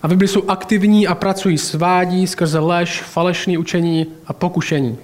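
Chatty man preaching, slightly high voice. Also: steady tone, darkish tone. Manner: colloquial and chatty, with personal anecdotes and asides. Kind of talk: sermon.

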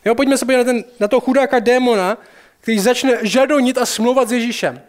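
A man preaching a sermon, speaking straight to his listeners with urgency and slowing down to stress key phrases. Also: extremely high pitch.

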